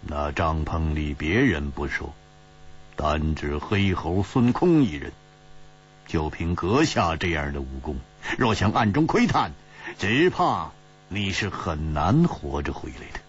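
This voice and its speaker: A man's voice: very deep voice, very animated, measured pace, highs cut off, slight background noise, voice pushed down, exaggerated voice. A man voicing a cold, sneering male swordsman in a storytelling audiobook.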